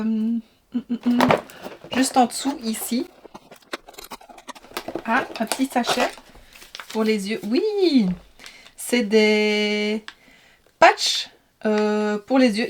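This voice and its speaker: A young woman, her voice sitting a little high. She chats eagerly through a beauty unboxing, full of little fillers and delighted asides. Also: a little hiss or hum. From Belgium. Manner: chatty, enthusiastic, many fillers. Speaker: beauty vlogger. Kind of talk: casual unboxing chat.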